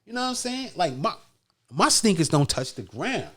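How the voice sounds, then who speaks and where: A man's voice: high voice, sing-song, moderate pace. Queens man in casual, playful banter. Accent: Queens, New York. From Queens, New York. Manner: slangy, boastful, playful. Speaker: podcast co-host.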